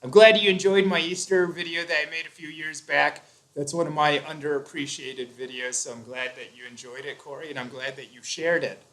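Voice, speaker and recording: A man's voice: on the high side, steady tone, brisk, a bit bright. A man hosting a casual live stream, explaining his views at length with fillers and restarts.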